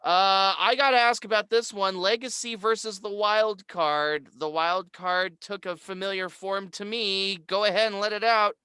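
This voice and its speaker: A man co-hosting a casual recap, upbeat, with quick affirmations and enthusiastic remarks. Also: high voice, steady tone, pushed and bright, clear, resonant tone, no echo. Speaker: co-host.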